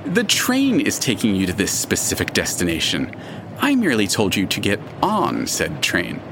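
A man's voice: lowish voice, huge pitch swings, normal speed, over music. A man playing a wry, theatrical narrator character who speaks in an arch, pompous manner in an audio drama. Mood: arch, lofty.

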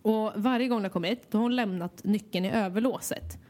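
A young woman co-hosting a podcast, telling a lively story in casual chat and acting out the quotes. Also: medium pitch. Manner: animated storyteller, acts out quotes loudly. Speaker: podcast co-host; home care worker.

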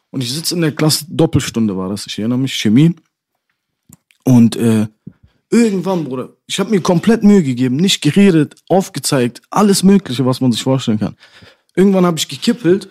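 Young man, casual storytelling, middle pitch, dry close sound. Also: no room sound. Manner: animated storytelling, calls listeners "Bruder". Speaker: storyteller in a chat. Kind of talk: casual chat, telling a story.

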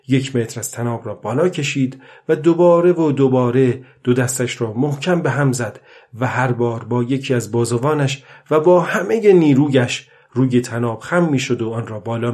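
A man reads a novel aloud in a calm, measured way, his voice at an ordinary middle pitch. The delivery is even and steady, suited to a long audiobook. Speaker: audiobook narrator. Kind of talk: scripted narration.

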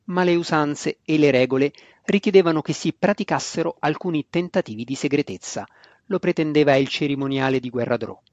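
A man reading a fantasy novel aloud in a steady, measured scripted narration. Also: fairly high pitch, no room sound. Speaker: audiobook narrator. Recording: dry, slightly dull lo-fi recording.

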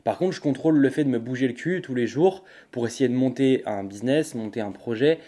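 A man's voice: medium pitch, a little fast, dark tone. A young man hosting a casual solo podcast, rambling with many fillers and restarts while talking straight to the listener. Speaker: podcast host.

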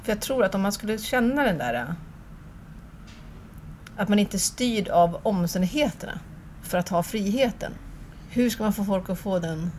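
A woman's voice: mid-range voice, lively intonation, long pauses, darkish tone, a little hiss or hum. A woman in a conversation, hesitantly thinking aloud and searching for her words. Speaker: conversation partner. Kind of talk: reflective conversation.

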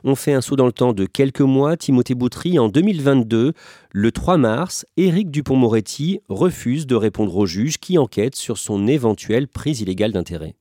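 Measured man presenting news. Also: medium pitch, lively intonation, dark tone, no room sound, studio quality. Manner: measured, asks a reporter questions. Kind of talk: scripted news narration.

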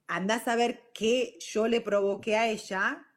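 A middle-aged woman with a Rioplatense Spanish accent hosts her own show and tells a personal story in a lively, conversational way. She slips English words into her speech now and then. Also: a little high, measured pace. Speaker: show host. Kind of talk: casual storytelling monologue.

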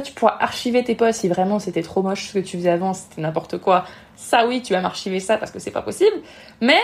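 A woman talking at a rapid clip as a podcast guest, blunt and emphatic. She dramatizes what people think in little acted-out asides. Her pitch sits in a middling range. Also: darkish tone. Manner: rapid, emphatic, frank, acts out quoted thoughts. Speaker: guest, Instagram marketing expert. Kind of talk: podcast interview, advice.

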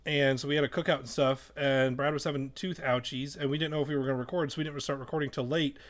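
A man chatting excitedly on a tabletop game podcast, swearing freely and retelling conversations. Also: mid-range voice, quick pace. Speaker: podcast editor and player. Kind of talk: casual tabletop podcast chat.

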